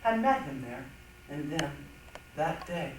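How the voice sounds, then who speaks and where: In a reader's theatre performance, a stage reader recites literary texts with dramatic emphasis in a medium-pitched, very animated voice, taking it slowly. The recording is from far off in an echoey hall, with faint noise.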